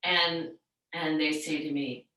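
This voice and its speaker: A middle-aged woman teaching a yoga class, telling a story in a rambling, chatty way and then guiding the class gently into a seated relaxation. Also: low-pitched, steady tone, slow pace. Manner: rambling, chatty storytelling with many restarts and fillers. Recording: very echoey room, far from the mic.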